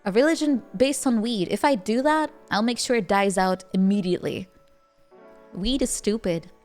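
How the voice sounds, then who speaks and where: A woman's voice: medium pitch, moderate pace, darkish tone. A woman livestreamer chatting casually while gaming, in a playful, cute anime-streamer manner. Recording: music playing behind the voice. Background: music.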